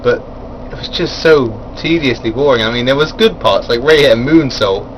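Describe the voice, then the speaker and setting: Reviewing a wrestling event off the cuff, this man meanders along with frequent ums, false starts and soft laughs at his own tangents. His middle-range voice moves at a normal pace. Audio quality is poor, and an air conditioner hums faintly behind him.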